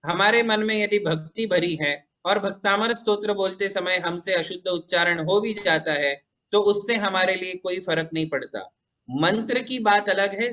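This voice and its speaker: A man's voice: sits high, bright, forceful tone. A man, a Jain monk, answering devotees' questions in a patient, reassuring, explanatory way. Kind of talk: religious question-and-answer teaching.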